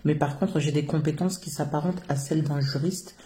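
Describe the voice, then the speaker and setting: This founder of a social work business, a middle-aged woman from France, has a deep, mellow voice with a steady tone and a brisk pace. Answering interview questions about her work, she sounds earnest yet hesitant, with frequent filler sounds.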